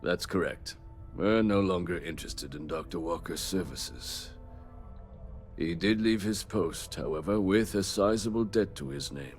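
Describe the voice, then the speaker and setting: An actor playing a cold, smug trade company manager in a video game, delivering measured villain-like monologue in formal tones. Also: male voice, sits low, soft background music. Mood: cold, dismissive.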